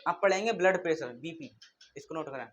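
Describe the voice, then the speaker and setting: A man's voice: a little high, lively intonation, a little fast, a bit bright. A male teacher giving a classroom lecture. He asks questions and answers them himself, and repeats key terms in a call-and-response drill.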